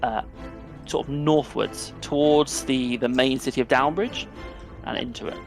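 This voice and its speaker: A man's voice: mid-range voice, steady tone. A man narrating as game master of a tabletop game, loose and full of fillers, with faint music behind. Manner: loose, filler-heavy narration with quick bursts of put-on character lines.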